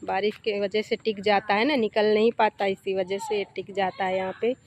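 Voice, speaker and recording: A woman's voice: medium pitch, flat delivery, normal speed. Chatty woman vlogging about home life. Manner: chatty, addresses viewers as friends. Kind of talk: casual home vlog narration. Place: outdoors then home kitchen.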